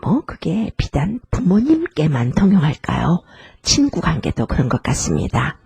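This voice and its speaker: Husky, breathy woman hosting a literary show. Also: big pitch swings, moderate pace, no room sound. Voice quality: breathy, husky, with some vocal fry. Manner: gentle, earnest, lets the pitch rise and fall widely. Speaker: literary podcast host. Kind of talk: reflective talk on an essay.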